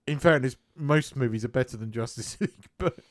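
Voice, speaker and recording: A man co-hosting a casual film chat, animated and swearing freely, laughing often. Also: mid-range voice, a little fast. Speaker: podcast co-host.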